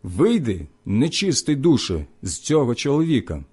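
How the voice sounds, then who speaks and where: A man voicing a calm male teacher who gives firm, measured commands. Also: medium pitch, slightly rough. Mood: commanding.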